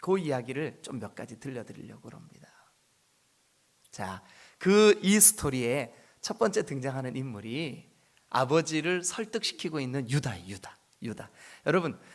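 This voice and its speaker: A middle-aged pastor from South Korea preaches an early-morning sermon in a church. He tells the story with lively acted-out voices and drops into whispered asides. His voice sits fairly high, and his pitch swings widely.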